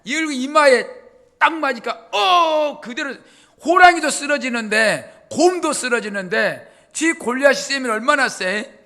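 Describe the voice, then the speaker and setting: A man, a pastor preaching a lively, colloquial sermon story. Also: very high-pitched, a little slow.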